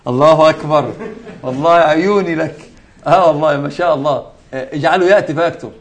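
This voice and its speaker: Fast-talking man teaching a religious lesson. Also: a little high. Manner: emphatic, repeats key words, quotes scripture, asides to students.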